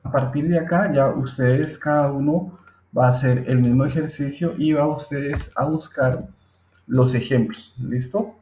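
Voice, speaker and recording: A male teacher explains a lesson in a slow, patient way, often checking in with his listeners. His voice is mellow and low-key. The recording has a roomy echo. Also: steady tone, slight background noise. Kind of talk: screen-recorded English phonetics lesson.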